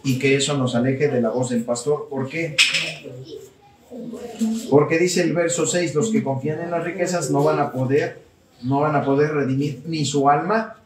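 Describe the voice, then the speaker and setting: A man's voice: mid-range voice, a little mellow, far from the mic. A man preaching to a live audience, calling on them to answer and repeating phrases for emphasis. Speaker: teacher of a Torah study talk. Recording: echoey room, speaker away from mic, audience present.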